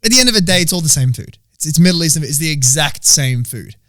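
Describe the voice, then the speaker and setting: A young Australian man co-hosting a podcast, his voice pitched a touch high and swinging up and down in animated bursts. He talks in loose, crude banter, swears freely and breaks into laughs. The sound is close and dry. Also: fast, dry recording. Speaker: podcast co-host.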